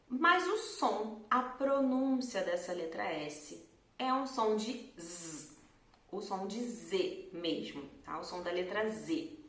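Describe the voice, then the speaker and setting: A woman teacher from Brazil with a Carioca accent, explaining pronunciation slowly and clearly and drawing out example words. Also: a little high, fairly bright tone. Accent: Carioca Brazilian Portuguese. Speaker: Portuguese teacher. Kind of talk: pronunciation lesson to camera. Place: room at home, in front of a door. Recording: echoey room.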